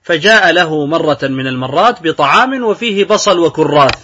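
A man, an Islamic scholar, giving a recorded religious lesson, reading texts slowly and then explaining them word by word. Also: a little high, expressive, sharp tone, a little hiss or hum. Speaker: Islamic scholar teaching a hadith text. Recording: dull lo-fi recording.

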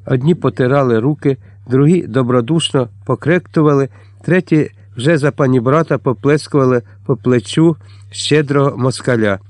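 A man reading a historical novel aloud as narrator, at a steady, measured pace. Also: medium pitch, no echo, clean studio sound. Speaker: audiobook narrator. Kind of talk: scripted narration.

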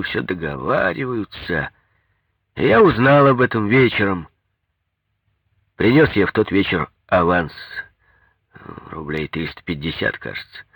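Deep raspy guy reading a story, lively wry delivery, dry close sound. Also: no echo. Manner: wry, conversational. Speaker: narrator. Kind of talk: first-person story reading.

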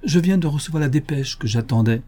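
Un cambrioleur gentleman, raffiné et moqueur, lu par un homme, dans un livre audio. Il parle avec ironie et une assurance tranquille, d'une voix douce et un peu voilée. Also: on the high side, animated, brisk, pitched above the performer's own voice. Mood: mocking. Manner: ironic, playful and self-assured. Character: suave, mocking male gentleman burglar.

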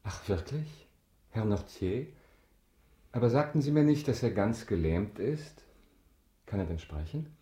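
An actor in a German radio drama playing a suave, courteous count with polished, measured, formal speech, quietly in control. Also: male voice, fairly low pitch, animated. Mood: feigned concern.

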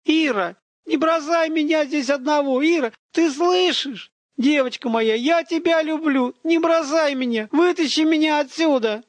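A man's voice: a little slow, no room sound. A man reading an audiobook voices a desperate young man who screams frantic pleas. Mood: desperate pleading. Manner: frantic shrill shouting.

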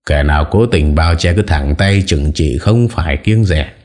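A man's voice: rumbling low, normal speed, a little mellow. A male narrator voicing a furious, tyrannical old lord who roars and scolds with contempt. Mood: roaring rage. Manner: roaring, harsh and contemptuous.

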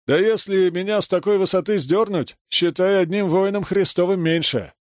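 A man puts on a rough old village grandpa, cocky and coarse, voice pushed higher, crisp dry audiobook sound. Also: moderate pace, no echo, natural voice. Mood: indignant. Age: over 60. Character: old village grandpa, gruff vampire hunter.

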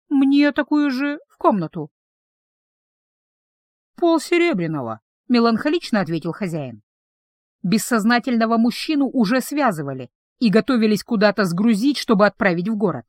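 A woman's voice: medium pitch, dry recording. Woman narrating a fantasy story, dry sound. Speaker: audiobook narrator. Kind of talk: scripted narration.

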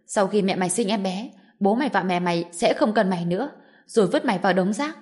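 A woman's voice: medium pitch, quick pace, a little mellow, close to an everyday voice. A woman voicing a cruel, arrogant middle-aged grandmother who scolds and sneers shrilly in a storybook. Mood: vicious.

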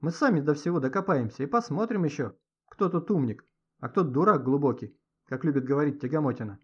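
A man's voice: fairly high pitch, lively intonation, brisk, breathy edge. A man voicing a cocky, blunt teenage ringleader who talks in slang, in a storybook reading. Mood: cocky, brash. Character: brash bossy teenage boy ringleader. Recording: dull lo-fi audio.

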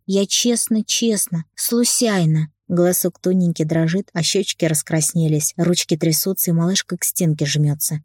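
Woman, audiobook narrator, first person, warm low voice, dry sound. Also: no echo.

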